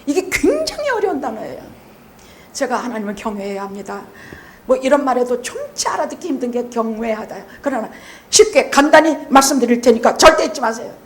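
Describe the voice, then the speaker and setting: A woman preaching a sermon as pastor, blunt and teasing, swinging from quiet asides to loud shouted emphasis. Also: on the high side, big pitch swings, a little fast. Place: church sanctuary.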